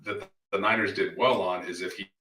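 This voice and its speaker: A blunt, opinionated man giving football takes over a remote call that keeps dropping out. He sits back from his mic in an echoey room, and his voice comes through sharp and bright. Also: deep voice, fairly even intonation, a little fast, distant mic, a little hiss or hum. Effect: remote call audio breaking up. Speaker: football podcast panelist. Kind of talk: casual sports talk.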